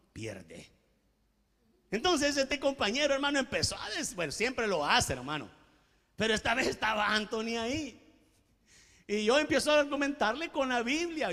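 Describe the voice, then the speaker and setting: A man's voice: high voice, sing-song, moderate pace, bright, forceful tone, long reverb tail. A man preaching a sermon as pastor, stressing his points and often addressing listeners as beloved brother. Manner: emphatic preaching, calls out "mi amado hermano".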